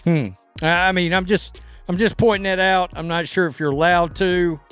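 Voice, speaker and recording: A man's voice: high-pitched, steady tone, normal speed, a bit bright, clear, resonant tone, faint music behind. A man giving casual commentary, hesitant and sarcastic, with repeated restarts. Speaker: online commentator.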